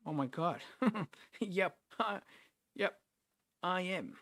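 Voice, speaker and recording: Speaking in a high-pitched, animated voice with a fairly bright tone, a young man from Nepal drags out his words while hosting a live trading stream. He walks through his trades, answers chat, and often repeats or restarts phrases as he thinks aloud.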